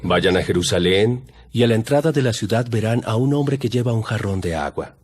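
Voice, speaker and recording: A man playing Jesus as a solemn, measured teacher in a dramatized audio Bible. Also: fairly low pitch, expressive, a little mellow, slightly rough. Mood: calm instructing. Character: Jesus, solemn male teacher addressing his disciples.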